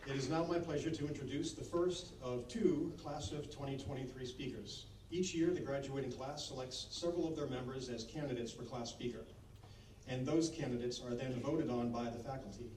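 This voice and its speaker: A man giving a formal podium speech at a commencement as a school leader, speaking in measured, deliberate phrases with pauses. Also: mid-range voice, a little mellow. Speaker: school leader addressing graduates. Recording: echoey, distant microphone, clear background noise.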